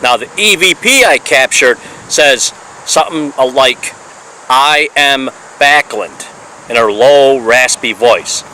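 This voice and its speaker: A man's voice: mid-range voice, expressive, measured pace, bright, forceful tone, slight background noise, rough recording. A man narrating his paranormal investigation as a voice-over, earnest and explanatory, building up each finding.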